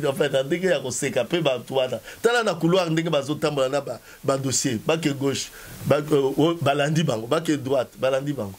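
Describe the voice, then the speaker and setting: A man giving emphatic, animated political commentary, often halting to find his words. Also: on the high side. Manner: animated, emphatic, code-switching.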